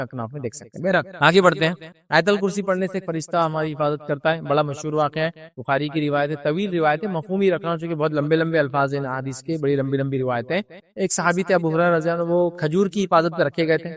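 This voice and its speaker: A man giving a religious lecture, explaining points patiently, repeating key lines and retelling stories with animated quoted speech. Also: a little high. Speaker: Islamic speaker.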